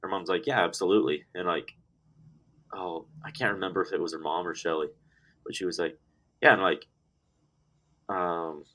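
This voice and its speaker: A young man chats easily on a conversation podcast, his speech full of fillers. His voice is very deep, and he keeps the talk relaxed. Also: normal speed, long pauses. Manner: laid-back, lots of filler words. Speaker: podcast co-host. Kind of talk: casual chat.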